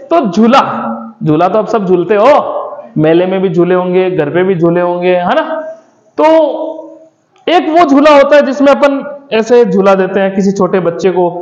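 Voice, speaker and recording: A man's voice: high-pitched, expressive, moderate pace, darkish tone. A man teaches English vocabulary to children, repeating each word and asking the class to call it back. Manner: repetitive call-and-response questioning. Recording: echoey muffled room recording.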